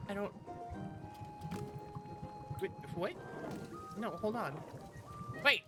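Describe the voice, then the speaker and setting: Game music runs under the voice of a playful VTuber streamer who chats casually with viewers and reads game dialogue aloud as she plays. Her delivery is expressive and very slow, pitched in the mid range.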